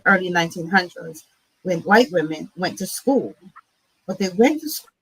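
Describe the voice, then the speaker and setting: A woman's voice: fairly low pitch, lively intonation, moderate pace, fairly bright tone, breathy edge, dry recording, poor audio. A woman from Barbados, a guest speaking reflectively in an interview and often asking "right?". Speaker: guest, nonprofit CEO. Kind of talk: conversational interview.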